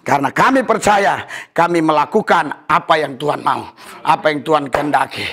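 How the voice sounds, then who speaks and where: A man preaching a fervent sermon as pastor, often calling out hallelujah and rising to exultant shouts. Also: fairly high pitch, normal speed, husky. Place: church service.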